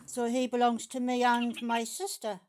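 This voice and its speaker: A woman's voice: fairly high pitch, flat delivery, normal speed, a little mellow. A woman talking to her pet parrot in sing-song baby talk, coaxing it to repeat words.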